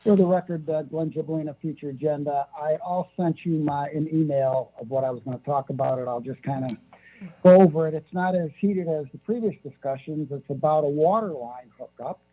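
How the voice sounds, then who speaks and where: A man's voice: on the high side, a little fast. A man calling in to a county board meeting to give public comment. He holds the phone away from his mouth, so he sounds muffled, and he stumbles and restarts as he talks. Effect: phone held away from the mouth, muffled. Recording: muffled tinny phone line.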